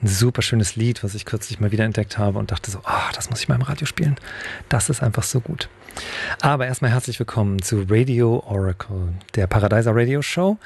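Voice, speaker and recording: A man's voice: lowish voice, brisk, vocal fry, darkish tone, a little hiss or hum. A man hosting a radio talk show, chatting loosely with many fillers. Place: radio studio.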